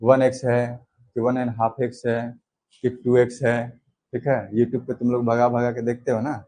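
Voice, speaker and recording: Slow, mellow-voiced male teacher. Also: little pitch movement, rough recording. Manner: slow, unhurried explaining with demonstrative pitch changes. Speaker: commerce teacher. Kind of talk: classroom lecture.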